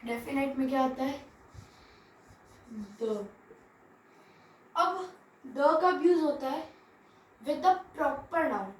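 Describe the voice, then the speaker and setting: A woman's voice: high voice, expressive, drawn-out words, pauses often, roomy sound, recorded from a distance, a little hiss or hum, rough recording. A woman teaching grammar, speaking. She asks the class questions and answers them herself, often checking in with "theek hai". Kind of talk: classroom grammar lesson mixing Hindi and English.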